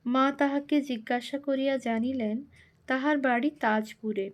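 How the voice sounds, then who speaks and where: A woman reading a devotional biography aloud in a slow, reverent recitation of formal literary prose. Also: high voice. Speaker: narrator.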